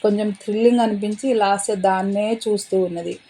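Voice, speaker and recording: A woman narrator reading a novel aloud in a steady, measured way. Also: medium pitch, low-quality recording. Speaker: audiobook narrator.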